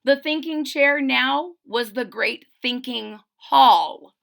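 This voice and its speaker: A woman with a high, gravelly voice reads a rhyming children's picture book aloud at an unhurried pace. She's an expressive storyteller who drops chatty asides to her listeners between the rhymes.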